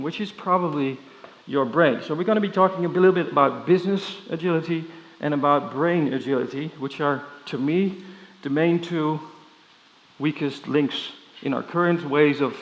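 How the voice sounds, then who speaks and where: A middle-aged Dutch man with a Dutch accent, giving a playful, energetic conference keynote, full of fillers and restarts. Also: fairly high pitch, normal speed, dull audio. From Netherlands. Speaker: keynote speaker. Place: large conference hall with audience.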